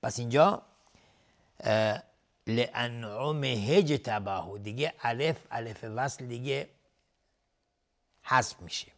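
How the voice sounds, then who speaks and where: A middle-aged man teaching Quran recitation on television, explaining each rule step by step and reciting verses in a slow, drawn-out chant. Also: medium pitch, fairly bright tone. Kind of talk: tajweed lesson for television.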